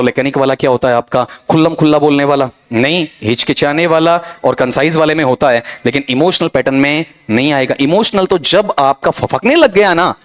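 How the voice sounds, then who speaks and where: A middle-aged man teaching an English vocabulary revision class, animated and fond of asking students questions and saying "theek hai". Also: mid-range voice. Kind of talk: lively classroom revision lecture.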